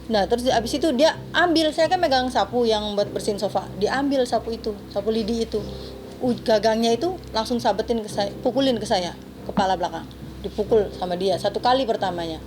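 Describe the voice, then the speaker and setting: A woman's voice: on the high side, fairly quick. Woman testifying at a noisy press conference. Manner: tearful, recounting events in detail. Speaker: former housemaid.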